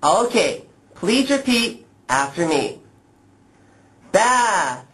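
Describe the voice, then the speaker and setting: Guy teaching pronunciation, really slow exaggerated speech, voice goes up and down a lot. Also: sits high, very animated. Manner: slow, exaggerated speech modeling, deliberate and instructional. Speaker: pronunciation teacher, lesson host. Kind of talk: instructional lesson to camera, addressing learners.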